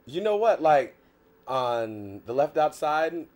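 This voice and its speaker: A man's voice: a little high, sing-song, slow, darkish tone. A man being interviewed, laid-back and slangy, often asking "you know what I'm saying". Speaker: interview guest. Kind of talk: casual interview chat. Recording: faint background noise.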